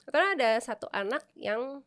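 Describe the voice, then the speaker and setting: A woman's voice: high voice, brisk. A woman from Indonesia, a guest in a casual interview, who tells stories animatedly and laughs often. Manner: animated, laughs often, acts out remembered dialogue.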